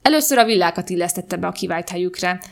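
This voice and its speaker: Calm woman reading a short story. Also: lowish voice, gravelly. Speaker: podcast reader.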